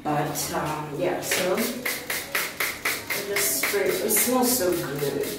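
A young woman vlogs in a relaxed, unhurried way, playful and quick to laugh. Her voice sits back from a camera propped on the counter, so the room rings around her. Background music plays under her talk. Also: lowish voice. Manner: chatty and playful, laughs often. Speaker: lifestyle vlogger. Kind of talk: casual vlog chat to camera. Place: small home kitchen and living room, indoors. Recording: roomy, distant audio with music behind.

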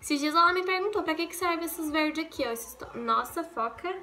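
Doing her makeup in her bedroom at home, a young woman from Brazil talks to viewers in a casual get-ready-with-me vlog. Her high, bright voice is animated and at normal speed as she chats, jokes and rambles with self-corrections, over faint music.

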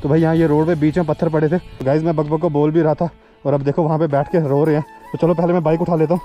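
A young man hosting a motorcycle vlog, talking quickly and chattily to his viewers on a chilly mountain road. His voice sits a little high, and faint music plays under him. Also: little pitch movement, dull audio. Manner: chatty, keeps calling out to viewers as "guys" and "bhai". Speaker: motovlogger host. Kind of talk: casual vlog narration. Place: outdoors on a cold mountain road.

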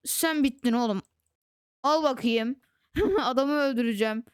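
A woman hosting a gaming channel, chatting excitedly to viewers through casual gameplay commentary on a close desk microphone. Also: sits high, a little slow, clean tone, dry recording.

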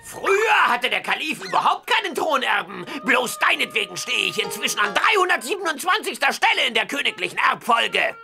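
A man voicing a hot-tempered, scheming grand vizier in a cartoon dub, blustering and shouting. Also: very high voice, very animated, brisk, creaky, few pauses, music in the background, heavily acted. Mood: scheming shrill.

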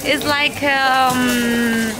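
A woman's voice: high voice, steady tone, very slow. A young woman from Colombia co-hosting a vlog, joking playfully and repeating herself while shopping, recorded on a camera held at arm's length. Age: young adult. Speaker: vlog co-host. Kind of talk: casual chat while shopping. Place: indoor supermarket. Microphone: handheld camera at arm's length. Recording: busy supermarket with loud music. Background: loud background music.

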